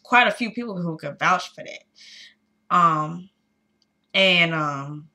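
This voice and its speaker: A woman in her thirties speaking candidly to her viewers in a personal vlog, pausing often with fillers. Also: lowish voice, animated, pushed and bright. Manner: halting, with many pauses and fillers; candid, addressing viewers directly. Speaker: vlogger.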